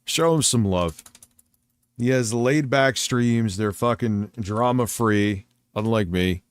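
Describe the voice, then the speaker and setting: A man's voice: on the low side, takes it slowly, clean tone, no echo. A man hosting a livestream in a casual, sweary reacting style. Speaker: livestream host reacting to videos. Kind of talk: casual profane chat.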